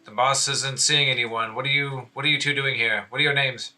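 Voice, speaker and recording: A man's voice: medium pitch, fairly even intonation, a little fast, pushed and bright. A man playing a brusque dockside gang thug. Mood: suspicious. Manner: brusque, suspicious. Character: pushy male dockside gang thug, adult.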